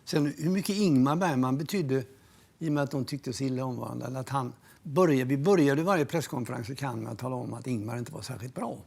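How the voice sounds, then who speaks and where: Gravelly older man telling stories. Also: mid-range voice. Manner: lively storyteller, swears freely, acts out others' lines. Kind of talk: documentary interview reminiscence.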